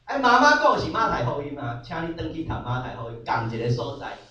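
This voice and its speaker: A man's voice: on the high side, huge pitch swings, quick pace, pushed and bright. A man leading a conversational Bible study class, slipping English terms into his explanations and answering students. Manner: sprinkles English terms into his talk, frequent filler particles. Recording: very echoey room, voice from far off, faint background hum.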